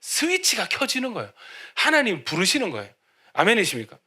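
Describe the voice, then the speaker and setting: A man's voice: sits high, wildly swooping pitch, a little fast, slightly rough. A man preaching a sermon as pastor, telling a story and acting out the people in it. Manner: storytelling, acting out quotes, loud cries. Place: church hall.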